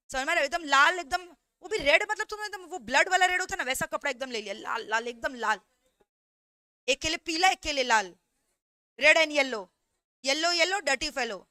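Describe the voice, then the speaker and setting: Brief: a woman law tutor, lively storyteller who keeps asking if students follow, bright voice, dry close sound. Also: high voice, dry recording. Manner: mixes in English phrases. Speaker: law teacher. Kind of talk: animated revision lecture.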